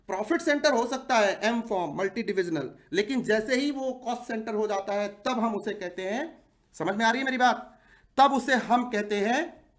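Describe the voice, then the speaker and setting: A man of forty, an exam-prep teacher, giving an impassioned video address to viewers, indignant and full of rhetorical questions. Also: very high voice. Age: 40s.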